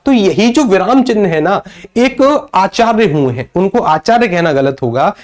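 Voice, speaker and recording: A man's voice: high voice, animated, a little slow, darkish tone. A man from northern India teaching a live online grammar class, answering his own questions and greeting viewers by name.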